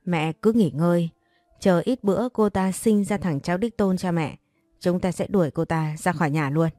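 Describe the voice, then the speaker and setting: A woman voicing a cold, calculating young husband in an audio story, speaking calmly and dismissively. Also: on the low side, moderate pace, no echo, studio quality, soft background music, natural voice. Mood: scheming.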